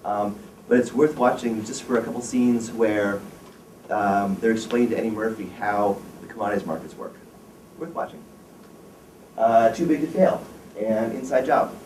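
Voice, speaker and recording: The president of a wealth management firm, a man in his fifties, gives students a blunt, opinionated career lecture, quizzing the audience as he goes. His slightly mellow voice is on the low side at normal speed, recorded from afar in an echoey lecture room with faint noise.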